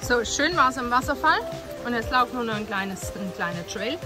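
A woman's voice: a little high, lively intonation, normal speed. A woman chatting cheerfully as a family travel vlogger, filming herself outdoors in a rainforest. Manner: chatty, cheerful, loose filmed commentary. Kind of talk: casual vlog narration. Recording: music playing behind the voice.

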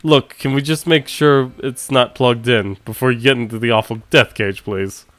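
A man's voice: mid-range voice, fairly even intonation, moderate pace, a bit bright, no echo, lightly acted. A man voicing a cautious, protective male thief in a game, worried and urging his partner. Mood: wary.

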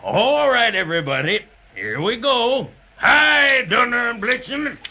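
A man's voice: very high voice, sing-song, unhurried, gravelly, pushed and bright, heavily acted. A man acting a jolly, kindly old Santa Claus in a hearty, avuncular 1930s radio style. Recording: muffled, hissy 1930s radio recording.

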